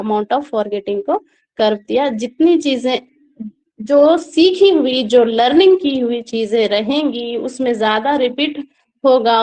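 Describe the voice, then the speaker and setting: High-voiced woman teaching online. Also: a little mellow. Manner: explains step by step with frequent check-in questions to viewers. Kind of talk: online exam-prep lecture.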